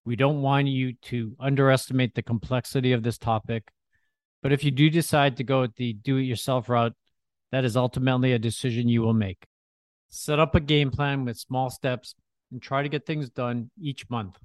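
A man's voice: mid-range voice, steady tone, moderate pace, no echo. A man working as a financial advisor, delivering scripted advice as a podcast co-host.

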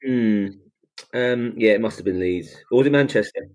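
A man chatting casually about football days, often breaking into laughter and quick interjections. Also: on the low side, a little mellow. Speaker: podcast co-host. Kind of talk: casual chat.

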